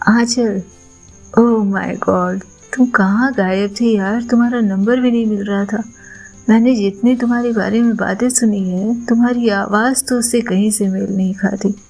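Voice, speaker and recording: Woman doing a chatty, excitable young bride. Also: mid-range voice, creaky, soft background music, rough recording. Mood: excited. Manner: excited, chatty, quick bursts.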